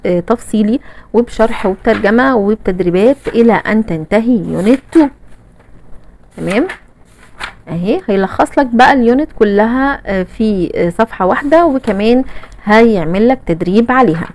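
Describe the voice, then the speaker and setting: A woman's voice: on the high side, a little mellow, a little hiss or hum, rough recording. A woman teacher with an Egyptian Arabic accent walks through a primary English textbook in a casual, chatty way, saying "okay" often and chanting short rhymes. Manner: chatty, repeats "tamam" and fillers, sing-song rhymes. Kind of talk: casual explanatory lesson.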